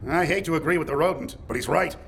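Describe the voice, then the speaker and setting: A man's voice: on the high side, fast, vocal fry, a bit bright, slight background noise. A man voicing a pompous, theatrical villainous mad scientist in a cartoon audio drama. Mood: pompous, smug.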